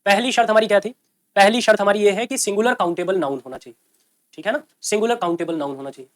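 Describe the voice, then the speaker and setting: A teacher with a fairly high voice gives a fast-paced grammar lecture to a class, explaining patiently, repeating key points and often checking that students are following.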